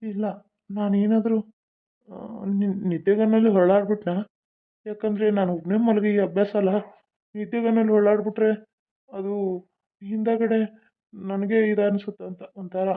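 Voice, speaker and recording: A woman's voice: mid-range voice, little pitch movement, moderate pace, long pauses, lightly acted. A woman voicing a simple-minded, worried young male king in a cartoon, muttering his thoughts aloud. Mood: anxious. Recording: tinny phone-like lo-fi audio.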